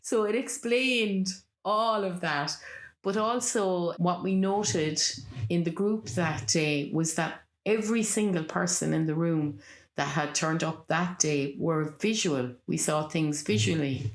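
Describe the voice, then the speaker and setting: Woman, Irish accent, lilting storyteller, slightly low pitch, animated, casual conversational anecdotes. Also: a little slow. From Ireland.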